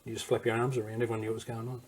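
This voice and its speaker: Telling stories of war in a recorded interview, an older man with an Australian accent rambles from anecdote to anecdote, wandering off, restarting and returning to his point. He speaks very fast at medium pitch, in a flat, husky, slightly mellow voice.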